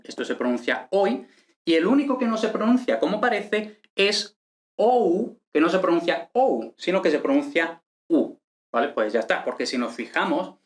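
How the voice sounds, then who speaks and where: A man's voice: medium pitch, fairly bright tone. A man teaching an online lesson and explaining each point step by step, often checking in with short tag questions. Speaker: teacher of ancient Greek.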